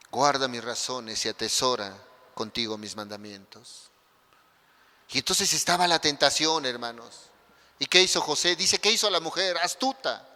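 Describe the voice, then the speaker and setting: A man's voice: high-pitched, bright, forceful tone. A man with a Mexican Spanish accent preaching a sermon as pastor, with emphatic rises and sudden drops. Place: church hall. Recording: long church hall reverb.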